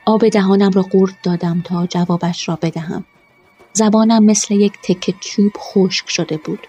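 A woman narrating a first-person story in a quiet, measured way. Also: mid-range voice, fairly even intonation, husky, dull audio, faint music behind.

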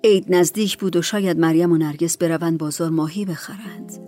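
A woman reads a story aloud in a soft, hushed voice. Her voice sits on the low side, with faint music under the reading. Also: fairly even intonation. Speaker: narrator. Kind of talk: audiobook narration.

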